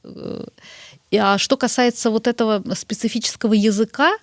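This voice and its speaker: A woman answering interview questions in a measured, explanatory way, often turning to the listener to make her point. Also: fairly high pitch, dry recording, clean studio sound. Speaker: guest.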